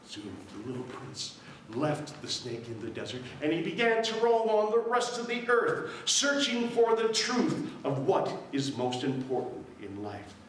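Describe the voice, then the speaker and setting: Slow, expressive male storyteller. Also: fairly high pitch, slight background noise. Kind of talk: live storytelling. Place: event hall. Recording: echoey hall from far off.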